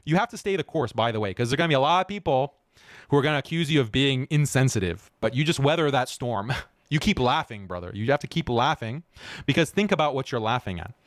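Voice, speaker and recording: A man's voice: mid-range voice, animated, fast, no room sound, clean studio sound. A man giving live-stream commentary, mocking and scornful, laughing often as he reacts. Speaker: online commentator.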